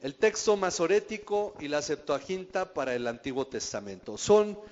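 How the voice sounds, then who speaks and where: A man's voice: on the high side, big pitch swings, normal speed, darkish tone. A man, preaching as a pastor in a conversational way and often asking the audience questions. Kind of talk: sermon teaching. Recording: dull recording in a reverberant hall.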